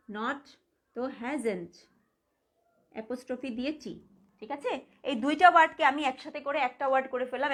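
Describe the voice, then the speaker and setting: A woman with a Bangladeshi accent teaches young pupils in a live online lesson. Her voice sits a little high, and her manner is patient as she repeats phrases word by word and checks that the class follows. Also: a bit bright. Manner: patient, repeats words slowly, asks the class questions. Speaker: primary school teacher.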